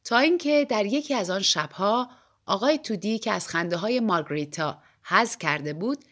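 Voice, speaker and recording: A woman narrating a short story as an audiobook reader, in a lively, animated first-person telling. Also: mid-range voice.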